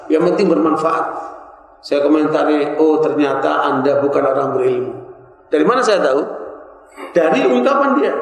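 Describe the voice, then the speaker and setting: Male preacher, high voice, lively storyteller, distant mic in a very echoey mosque hall. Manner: lively storytelling, acting out quoted people. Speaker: preacher giving a Quran commentary study. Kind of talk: mosque lecture sermon.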